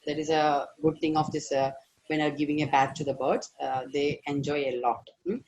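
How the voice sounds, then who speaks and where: A man's voice: on the high side, little pitch movement, moderate pace, a little mellow, low-quality recording. A man giving an online veterinary lecture, hesitant with many fillers and stressing key words.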